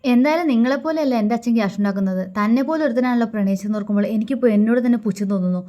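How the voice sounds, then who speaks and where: A woman's voice: medium pitch, steady tone, moderate pace, dark tone, natural voice. A woman reading a story aloud, voicing a stubborn young woman who speaks sharply and defiantly. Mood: indignant.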